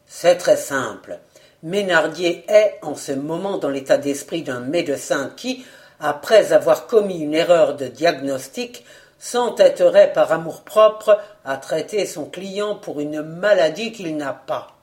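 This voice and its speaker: A reader voicing a shrewd, warm, confident detective in an audiobook, speaking in an assured, fatherly, emphatic way. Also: medium pitch, animated, a little slow, natural voice. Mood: reasoning. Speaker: detective in a novel. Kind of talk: audiobook character reading.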